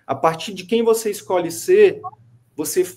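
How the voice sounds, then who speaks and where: A man's voice: high-pitched, measured pace, darkish tone, slight background noise. A man mentoring a client in an online coaching consultation, speaking emphatically and repeating key phrases to drive his point home. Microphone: video call.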